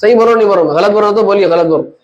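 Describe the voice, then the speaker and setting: High-voiced man teaching a religious lesson. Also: quick pace, darkish tone, muffled recording. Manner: explains with everyday examples, checks understanding with listeners. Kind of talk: conversational Islamic lesson.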